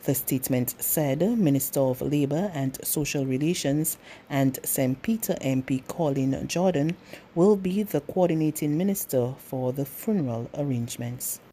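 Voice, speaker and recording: Female reporter, very low, mellow voice, sober scripted read. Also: moderate pace, slight background noise. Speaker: news reporter.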